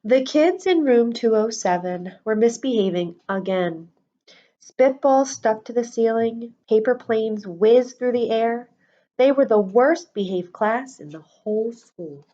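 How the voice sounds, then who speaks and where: A woman reading a children's storybook aloud in an expressive, deliberate schoolteacher's manner. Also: on the high side. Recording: dull lo-fi audio.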